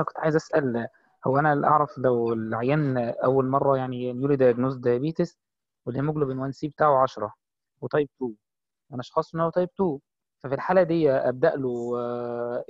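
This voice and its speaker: Sex: man. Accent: Egyptian Arabic. Role: student doctor. Pace: very fast. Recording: dry, dull call audio. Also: medium pitch, no room sound. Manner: polite, hesitant questioner. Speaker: doctor asking questions. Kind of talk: question in an online class.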